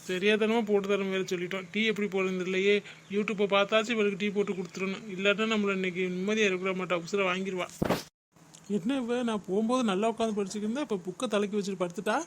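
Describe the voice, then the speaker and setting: A man's voice: sits high, steady tone, fast talker, slight background noise, natural voice. Man doing a doting young cartoon husband. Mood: fretting. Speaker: son. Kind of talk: cartoon comedy voice acting.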